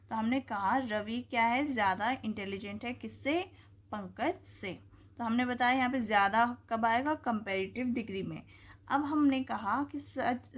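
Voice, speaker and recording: A woman teaching grammar, asking questions and answering them herself. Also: a little high. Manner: explains slowly, asking and answering her own questions. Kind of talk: classroom-style lesson.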